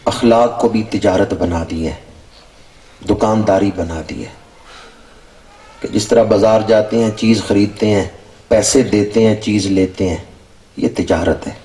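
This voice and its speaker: A man's voice: fairly low pitch, warm tone. Emphatic male preacher, far from mic. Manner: rising, emphatic preaching with questions to the gathering. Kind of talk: sermon. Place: religious gathering.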